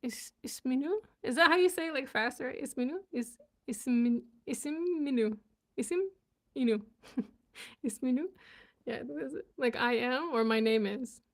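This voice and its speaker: A woman's voice: fairly high pitch, fairly quick, vocal fry. A young woman chatting casually on a live stream, giggling and sounding out words as she learns them. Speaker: vlogger and language learner.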